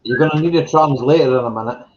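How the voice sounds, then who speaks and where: A man's voice: medium pitch, fast, darkish tone. A man hosting a live stream in casual chat. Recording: dull sound, faint background noise.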